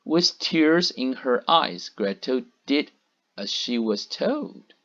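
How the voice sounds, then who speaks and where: A man's voice: medium pitch, expressive, takes it slowly, bright, forceful tone. A man reading a storybook aloud for children, stopping to explain words and point at the pictures. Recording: dull lo-fi recording.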